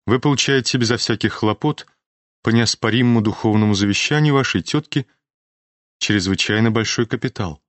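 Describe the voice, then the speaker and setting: A male reader voicing a calm, businesslike moneylender who explains matters in a measured, matter-of-fact way in an audiobook. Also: fairly low pitch, no room sound, close to an everyday voice.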